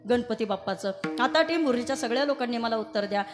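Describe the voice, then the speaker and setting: A woman's voice: fairly high pitch, animated, fast talker, over music, a crowd in the background. A woman preacher telling a devotional story in a kirtan, calling on the audience to answer. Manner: calls the audience to answer, emphatic. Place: village devotional gathering.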